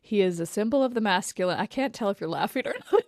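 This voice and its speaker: A woman's voice: medium pitch, lively intonation, fast, darkish tone, dry recording. A woman co-hosting a casual podcast, reading tarot card meanings aloud and chatting, often laughing, over a remote call. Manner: laughs often, reads aloud then chats. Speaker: podcast co-host. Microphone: remote call recording.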